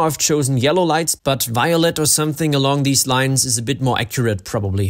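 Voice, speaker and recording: A man narrating his model-city build as a voice-over, explaining each step in a relaxed, chatty way and talking to his viewers. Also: mid-range voice. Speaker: LEGO city builder and vlogger.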